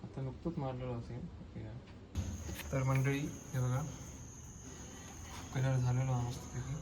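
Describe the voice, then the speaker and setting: A man from Konkan in western India, with a Malvani accent, explains his restoration work step by step in the informal style of a motorcycle vlogger. His mid-pitched voice stays quite flat at a measured pace. The handheld phone recording picks up clear background noise.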